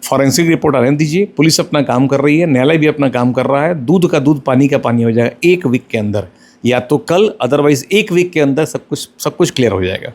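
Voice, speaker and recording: A middle-aged male lawyer answering interview questions, explaining step by step in a measured way and mixing in English legal terms. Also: medium pitch, darkish tone.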